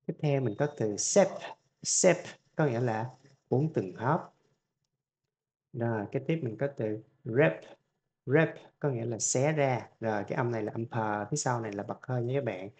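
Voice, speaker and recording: A male teacher with a Vietnamese accent, giving a phonics lesson, repeating each sound and word slowly and patiently. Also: mid-range voice, a little mellow. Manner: drills each sound several times, then explains it patiently. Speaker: English teacher.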